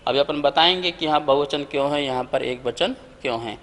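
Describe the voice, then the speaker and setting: A man teaching a scripture lesson, slowly reciting verses syllable by syllable for students to repeat. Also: fairly high pitch, fairly bright tone, big-room sound. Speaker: Jain monk teaching scripture.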